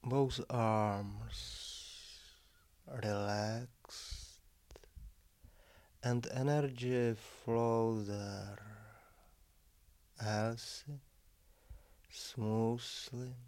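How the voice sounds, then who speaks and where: A man guides a relaxation meditation, offering calm, measured instructions in short phrases separated by long pauses. His voice is mid-range, and there is no room sound.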